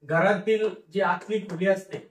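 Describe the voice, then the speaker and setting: A male teacher with a Marathi accent giving a phonics reading lesson, drawing out syllables slowly and asking questions that he answers himself. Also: high voice, steady tone, roomy sound, far from the mic, slight background noise. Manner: slow, drawn-out syllables, repeats and drills words.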